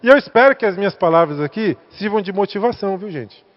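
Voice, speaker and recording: A man's voice: sits high, expressive, fast talker. Brazilian man speaking in an echoey hall. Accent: Brazilian Portuguese. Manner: conversational, asks the audience questions. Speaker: guest speaker. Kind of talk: spiritist talk to center workers. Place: spiritist center meeting hall. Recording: echoey hall, dull lo-fi sound.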